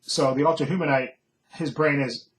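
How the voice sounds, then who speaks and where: A man's voice: fairly high pitch, steady tone, normal speed, rough recording. A man casually recapping a TV episode as a reviewer, rambling with fillers and frequent chuckles. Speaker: TV show reviewer.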